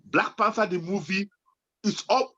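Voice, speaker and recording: Animated man, bright husky voice. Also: unhurried. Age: 40s. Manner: animated, swings between loud excitement and low musing. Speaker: podcast co-host. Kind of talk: casual chat. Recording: dull lo-fi sound.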